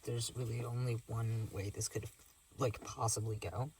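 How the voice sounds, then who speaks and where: A man streaming gameplay, chatting casually and reading the on-screen game text aloud with quick asides. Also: medium pitch, fairly even intonation, a little mellow, far from the mic, slight background noise, rough recording.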